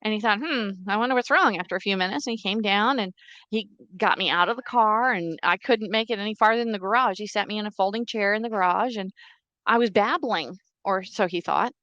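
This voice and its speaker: A middle-aged woman, Czech by first language, appears as a podcast guest and earnestly, steadily tells her story, quoting other people's voices as she goes. She speaks fairly quickly at a medium pitch, and the recording is dry and lo-fi.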